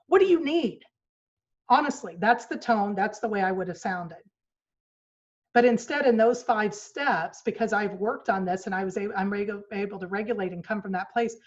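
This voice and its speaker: Woman telling an earnest story, slightly muffled. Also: mid-range voice. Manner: earnest storytelling, acts out quoted lines with shifts in tone. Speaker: speaker at a virtual retreat. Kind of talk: motivational talk. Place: home office. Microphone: video call mic.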